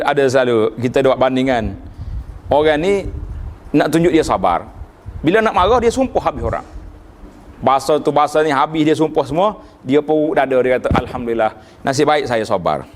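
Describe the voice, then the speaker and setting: Male preacher, lively lecture delivery with sudden high-pitched emphasis, slightly higher voice. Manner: animated, rises sharply in pitch for emphasis, recites Arabic verses. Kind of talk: religious lecture.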